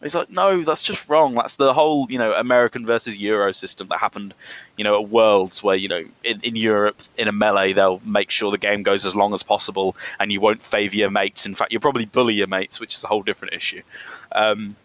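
A man hosting a podcast, relaxed and steering the casual chat. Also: on the low side, brisk, dry recording. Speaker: podcast host.

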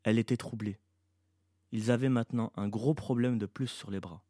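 A man, the author, reading his science-fiction novel aloud in an even, measured narration. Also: mid-range voice, no echo, clean studio sound.

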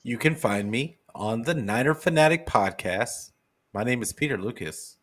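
A male sports podcast co-host with a relaxed, measured delivery who thinks aloud as he speaks. His voice sits at a plain middle pitch. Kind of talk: casual podcast banter.

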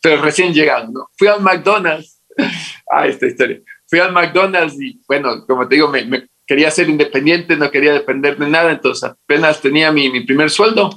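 Animated Ecuadorian man, higher voice. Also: fairly quick, low-quality recording. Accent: Ecuadorian Spanish. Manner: animated, acts out quoted dialogue. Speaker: interview guest. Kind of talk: casual storytelling interview.

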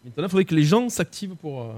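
A chatty male host with a fairly high voice runs a live quiz show. He repeats phrases, hesitates with fillers, and keeps the banter going. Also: very animated, racing, darkish tone, slight background noise. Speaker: host running a song quiz and prank calls. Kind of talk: lively live-stream chat.

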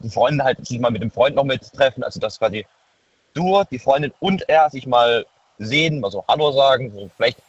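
A man's voice: medium pitch, a little fast, husky, no echo. A nineteen-year-old man from near Heidelberg calling in over the phone, talking hesitantly with many filler words. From near Heidelberg, Germany. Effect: heard over a phone line. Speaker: caller. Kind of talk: casual call-in chat. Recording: muffled dry phone line.

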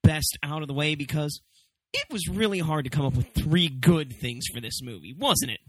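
Emphatic, higher-voiced man reviewing casually. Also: expressive, moderate pace. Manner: emphatic, profane, swooping for stress. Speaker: movie review show host. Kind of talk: casual, comedic review commentary.

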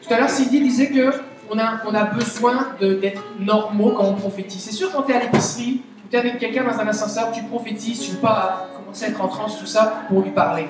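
Québécois woman preacher, chatty and animated, slightly high voice, far off in a booming hall. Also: fairly quick, few pauses. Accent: Québécois French. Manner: chatty, animated, asks the audience questions. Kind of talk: conversational sermon. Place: church meeting hall. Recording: very echoey hall, voice from a distance. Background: soft guitar music.

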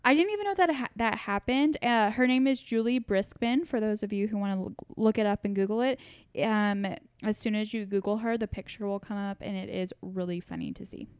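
Young female podcast co-host, upbeat and teasing, smooth voice, dry close mic. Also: mid-range voice, brisk, a little mellow, dry recording. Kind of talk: casual chat.

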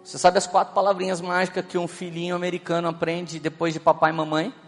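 A man's voice: sits high, monotone, quick pace. A man with a Brazilian Portuguese accent preaching a humorous sermon as a pastor, chatty and joking, often acting out little scenes as he tells stories. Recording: hall reverb, faint background music.

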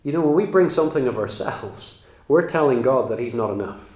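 A man delivers an earnest sermon, stressing key points with measured pauses. His voice sits at a middle pitch. The recording carries a roomy echo. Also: animated, darkish tone. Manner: earnest, emphatic Bible teaching with measured pauses. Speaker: preacher.

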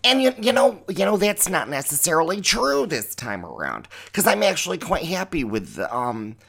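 A man's voice: high-pitched, big pitch swings, moderate pace, gravelly, fairly bright tone, breathy edge. A middle-aged man hosting a podcast as a drag queen, giving a rambling, tangential, profane monologue. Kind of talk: opinionated monologue.

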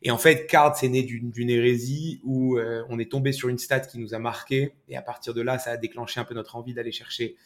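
Flat-toned founder explaining his startup. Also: mid-range voice, fairly quick, few pauses. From half American. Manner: steady and explanatory, with many English loanwords. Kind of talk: interview answers.

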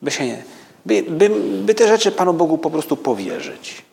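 A man preaching a spiritual meditation, speaking slowly and reflectively, with halting pauses. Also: on the high side, very animated, gravelly, darkish tone.

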